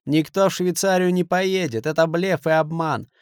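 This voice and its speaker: A man reading an audiobook, voicing an agitated, hot-tempered middle-aged businessman who shouts and gives orders. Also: fairly high pitch, moderate pace, smooth, dry recording, clean studio sound, pitched above the performer's own voice, lightly acted. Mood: angry. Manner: raised, shouting, forceful.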